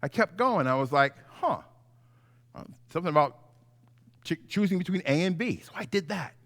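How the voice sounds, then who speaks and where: A male children's pastor with a higher-pitched, fairly bright voice tells an animated story-time lesson to children, sermon-like in feel. He's expressive and theatrical, drawing out emphasis on key words, and his voice carries a long hall reverb.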